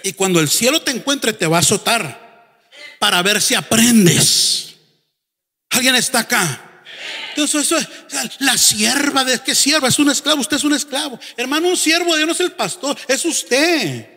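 A man preaching a fervent sermon as pastor, firing rhetorical questions and shouting at the peaks. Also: extremely high pitch, expressive, measured pace, long reverb tail.

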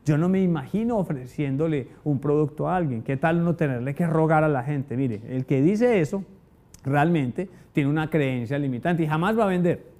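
A man's voice: a little high, moderate pace. A man teaching a motivational sales lesson to an audience, telling stories and asking rhetorical questions. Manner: animated storyteller, asks rhetorical questions. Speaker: sales trainer.

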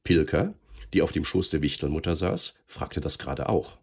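A deep-voiced man reading a storybook aloud, lively and expressive, with a husky grain. His pitch moves widely as he reads. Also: normal speed.

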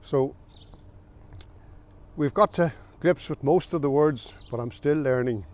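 Recalling his past in an oral history, an elderly farmer from County Meath, south of Ireland, speaks plainly and without hurry, pausing with fillers. He has a fairly high voice with a darkish tone.

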